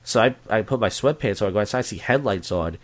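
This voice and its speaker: A man's voice: on the low side, lively intonation, quick pace. A young man telling a story casually, acting out the quoted voices with animation. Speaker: guest.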